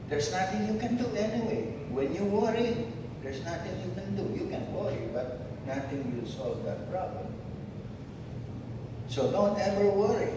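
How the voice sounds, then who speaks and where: An older Filipino man in his seventies talks slowly and reflectively, offering fatherly advice to former students. His voice sits slightly high. He is heard from a distance in a large, echoing hall, with noticeable background noise and rumble. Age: 70s. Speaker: former teacher at a class reunion. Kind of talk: heartfelt speech to former students. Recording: echoey hall from far off, noisy.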